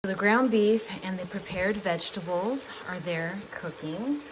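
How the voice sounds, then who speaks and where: Over music, a woman with a mid-range voice and measured pace chats casually in her home kitchen, cooking, tasting, and talking while eating in a self-deprecating cook-with-me vlog. The audio is poor and reverberant.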